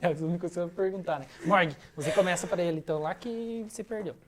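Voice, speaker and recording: A woman's voice: fairly low pitch, racing, a crowd in the background. A woman co-hosting a casual chat show, playful and teasing, often breaking into laughter. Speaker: co-host.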